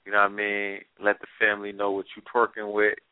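A man's voice: on the low side, completely flat delivery, fairly quick, clean tone, no room sound. A man hosting an internet radio show in a laid-back way, using slang while steering to the next segment. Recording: phone-like lo-fi audio.

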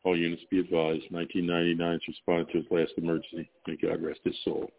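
Male police dispatcher, heard through police radio, measured and solemn, low voice, thin tinny sound. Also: completely flat delivery, gravelly, no echo. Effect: police radio transmission. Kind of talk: radio call. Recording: narrow, phone-like radio audio.

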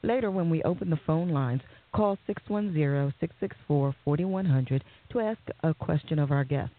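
A woman hosting a talk radio show, reading announcements and news in a measured, formal way. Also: low-pitched. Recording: tinny phone-like narrow band.

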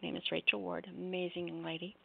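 Talking fast with vocal fry, a middle-aged woman runs a poetry open mic show in a lowish voice with flat delivery. She wanders through announcements apologetically, cutting herself off, her speech a little altered after jaw surgery. The recording has a thin, roomy phone-line quality.

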